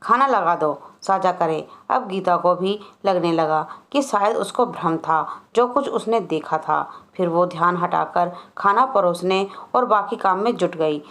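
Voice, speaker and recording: A woman narrating a scripted horror story in a measured, dramatic way. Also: lowish voice, fairly bright tone.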